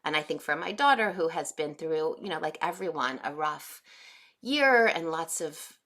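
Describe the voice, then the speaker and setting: A woman in her forties guides a meditation class in a low, gentle voice. She speaks unhurriedly, pausing often with soft fillers as she talks the group into slowing down. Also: animated. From United States. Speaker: meditation teacher.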